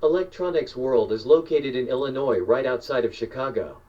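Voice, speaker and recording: A recorded automated phone menu message in a male voice, read in an even, measured announcer delivery. It sounds as if it were played back from a device at some distance from the mic. The sound is dull and muffled. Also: mid-range voice.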